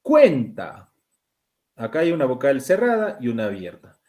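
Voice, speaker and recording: A man with a Peruvian accent teaching an exam-prep language class, talking students through questions and slowing down to sound out words. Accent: Peruvian Spanish. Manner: animated, pitch jumps high on key words, slows to sound out words.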